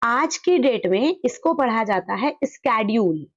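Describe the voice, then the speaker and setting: A woman teaching an exam prep lesson. She explains in Hindi and reads English definitions out slowly. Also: a little high, expressive, no room sound, lo-fi sound.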